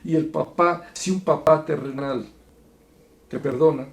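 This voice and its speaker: Gravelly man teaching a Bible study. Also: on the high side, steady tone, a little slow. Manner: earnest, preacherly, swings between soft and emphatic. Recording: echoey room.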